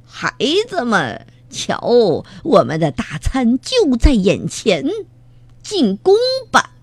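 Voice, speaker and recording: A woman's voice: mid-range voice, huge pitch swings, slow pace, darkish tone, slightly rough, no echo, full character voice. A woman voicing a scheming male weasel bandit chief in a storybook, sneering and gloating.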